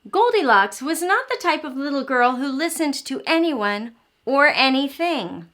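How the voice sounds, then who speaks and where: Her voice is on the high side with a fairly bright tone as she hosts a children's early learning show. She reads a story aloud interactively to young children, telling it expressively and explaining as she goes.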